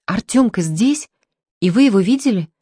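A woman reading the lines of a young male student who speaks in urgent, hushed exclamations. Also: medium pitch, moderate pace, no echo, clean studio sound, lightly acted. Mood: startled.

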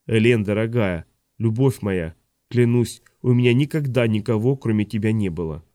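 A man reading an audiobook, voicing a worried ageing lord and retired soldier who speaks low, hushed and strained. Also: normal speed, dry recording, studio quality, lightly acted. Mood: pleading.

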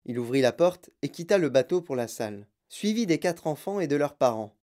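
An audiobook narrator reading a children's story in a calm, even, descriptive voice. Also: mid-range voice, brisk.

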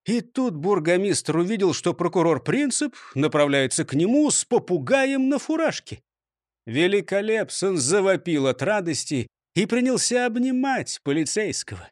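A man narrating a children's story in an animated, expressive way. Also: sits high, normal speed, no echo, clean studio sound.

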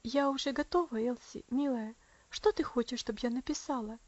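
A woman's voice: sits high, brisk, a little mellow, lo-fi sound. A woman voicing a tender, distraught young aunt who speaks soothingly in a trembling voice.

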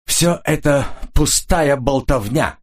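A man voicing a volatile, hot-headed Polish man who shouts threats with a pistol in an audiobook. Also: medium pitch, very animated, measured pace, voice pushed up. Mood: furious.

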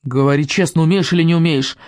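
A man's voice: on the high side, steady tone, quick pace, darkish tone, dry recording, clean studio sound, lightly acted. A man reading a storybook, voicing a boastful, bossy schoolboy who speaks in a solemn, commanding way.

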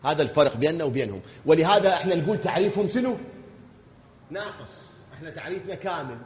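A man with an Iraqi Arabic accent preaching a sermon, animated and full of rhetorical questions, swinging from loud outbursts to quiet asides. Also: a little high, quick pace, echoey room, in a large hall, lo-fi sound. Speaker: religious preacher.

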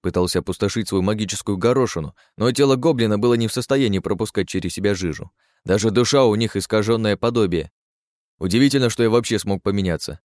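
Male audiobook narrator, low voice, dry close sound, sardonic crude first-person telling. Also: fast talker, darkish tone, dry recording.

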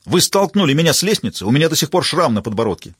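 Man reading brawling drunk defendant, high and hollering, husky. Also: sing-song, fast talker, no room sound, clean studio sound, heavily acted. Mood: indignant. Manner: yelling, jeering. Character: brawling drunken male defendant, loud and abusive.

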